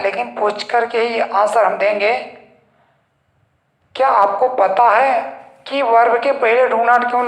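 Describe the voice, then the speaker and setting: A male English teacher giving a slow, explanatory grammar lesson in Hindi, posing rhetorical questions and answering them himself. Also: high-pitched, a bit bright. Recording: echoey room.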